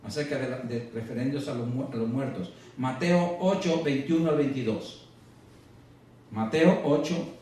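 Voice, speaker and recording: Man preaching in a very echoey hall. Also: dark tone. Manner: slows and rises to stress scripture, then drops low. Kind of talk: sermon. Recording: echoey, distant church radio recording.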